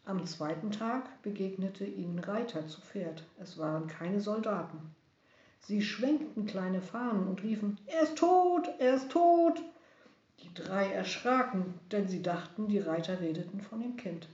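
A woman reading a children's story aloud in a lively, expressive way. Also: mid-range voice, measured pace. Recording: roomy, dull recording.

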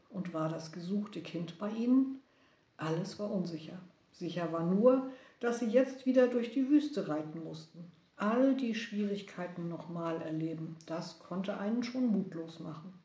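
A woman's voice: mid-range voice, a little slow. Woman reading a children's story. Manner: lively, expressive reading. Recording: roomy, dull recording.

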